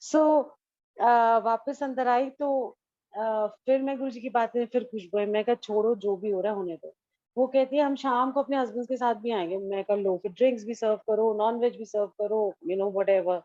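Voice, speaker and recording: A woman's voice: fairly high pitch, normal speed, mellow, no echo, dull audio. A woman tells a devotional story casually and with feeling, mixing in English phrases and acting out the dialogue. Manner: mixes English phrases into Hindi; emotional, storytelling with quoted dialogue. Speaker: devotee sharing a testimony. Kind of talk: casual spoken testimony.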